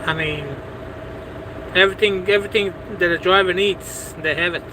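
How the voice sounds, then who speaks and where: A man talks loosely to his live chat from a parked truck, stacking "you know"s and doubling back on his words. His voice sits a little high for a man, and a clear hum of air conditioning and passing vehicles fills the cab behind him. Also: steady tone, moderate pace. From Bosnia. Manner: rambling, repeats words, many "you know"s. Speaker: truck driver and livestream host. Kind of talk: casual livestream chat answering viewers.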